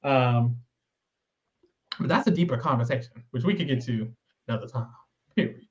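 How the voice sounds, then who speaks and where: A man's voice: mid-range voice, moderate pace, dull audio. A man co-hosting a podcast, recapping in casual, slangy, dramatic storytelling chat. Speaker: podcast co-host.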